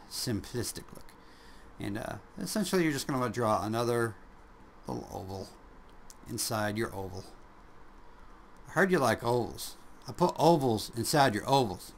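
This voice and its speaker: Low-voiced man rambling through a drawing tutorial. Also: fairly bright tone, a little hiss or hum. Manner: rambling, jokey, self-deprecating, chuckles often. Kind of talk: casual drawing tutorial narration.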